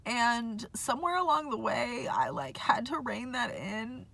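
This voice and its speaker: A woman's voice: on the high side, expressive, measured pace, vocal fry, pushed and bright. A young woman talking in a casual personal vlog, speaking passionately and saying "like" a lot, from a parking lot. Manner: impassioned, heavy use of "like". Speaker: vlogger.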